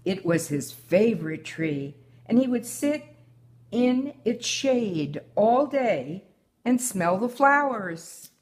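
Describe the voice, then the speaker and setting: A woman's voice: medium pitch, sing-song, takes it slowly. An older woman reading a children's picture book aloud as a guest storyteller.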